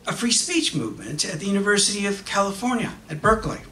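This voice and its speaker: In a high voice, a middle-aged man performs an expressive, emphatic scripted monologue at a theater podium, pausing deliberately as he moves between Spanish and English. He speaks into a microphone mounted on a stand. The audio sounds far away, echoing through a hall with faint noise.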